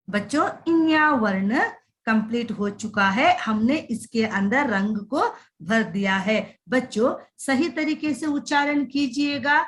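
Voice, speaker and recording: A woman teaching young children in a recorded lesson voice-over, drawing out words in a sing-song way and repeating them. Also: on the high side.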